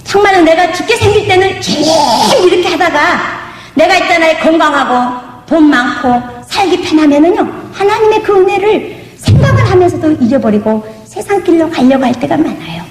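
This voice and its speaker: Speaking at normal speed in a very high, animated voice, a woman pastor preaches her testimony with emphasis, asking the congregation "do you believe?" Her delivery sometimes drifts into a sung lilt, and the church sanctuary echoes around her.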